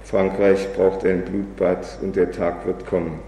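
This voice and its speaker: A man reading aloud as a bitter, drunken old male revolutionary, in a flat, weary recitation. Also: deep voice, a little slow, recorded from a distance. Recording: echoey hall, faint background noise.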